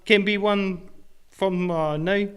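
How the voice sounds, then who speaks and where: A man's voice: high voice, steady tone, takes it slowly, fairly bright tone, clean tone. A man with a broad New Zealand Māori English accent hosting a podcast in casual, laid-back slang. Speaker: podcast host. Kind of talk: casual chat.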